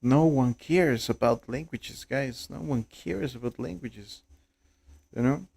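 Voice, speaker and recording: A young Costa Rican man who speaks Spanish natively, hosting a live trading stream in halting English, with many repeated words and restarts. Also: medium pitch, vocal fry, darkish tone, breathy edge. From Costa Rica. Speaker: livestream trading host. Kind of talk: casual live-stream chat.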